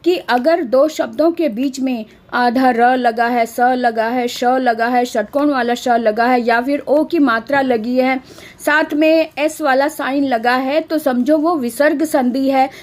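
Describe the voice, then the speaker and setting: A woman's voice: high voice, fairly even intonation. A woman teaching a grammar lesson to students, explaining patiently and checking they follow. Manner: patient, explanatory, checks understanding with tag questions; reads examples out slowly and clearly. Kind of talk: classroom-style grammar lesson.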